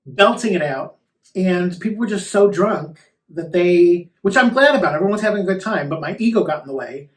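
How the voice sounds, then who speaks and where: A male drag queen answers questions in a casual, campy, sassy way. His voice sits somewhat high. The sound is roomy and echoing, with the microphone some distance away. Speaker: drag queen performer being interviewed. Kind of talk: casual interview chat.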